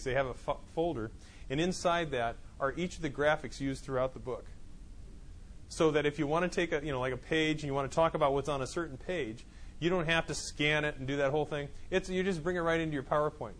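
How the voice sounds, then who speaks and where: This college instructor's voice is high-leaning and fairly bright, and he talks briskly. He lectures his class in a rambling, repetitive manner with frequent restarts. A clip-on microphone that won't stay attached picks him up in the classroom with his students.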